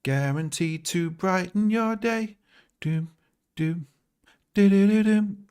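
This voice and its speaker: A man doing a high, squeaky chipmunk voice while singing slowly and drawing the words out. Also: darkish tone, clear, resonant tone. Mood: sing-song. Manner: high squeaky sung impression, slow and drawn out. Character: squeaky cartoon chipmunk singer, chirpy. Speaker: gamer playing a horse racing game.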